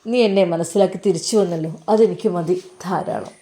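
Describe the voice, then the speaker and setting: A woman voicing a young husband, speaking low, tender and earnest. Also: a little fast, mellow, natural voice. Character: young husband, warm and lovingly forgiving.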